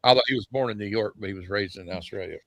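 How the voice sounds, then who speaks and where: A man on a casual movie review panel, making quick, dry wisecracks. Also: fairly low pitch, a bit bright, no echo. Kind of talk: casual live-stream chat.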